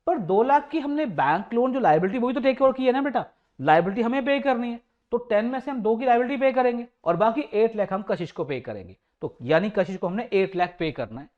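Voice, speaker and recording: A man's voice: very high voice, animated, a little fast, darkish tone, dull audio. A male teacher giving a classroom lecture, affectionate with his students, repeating points and quizzing the class. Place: coaching classroom.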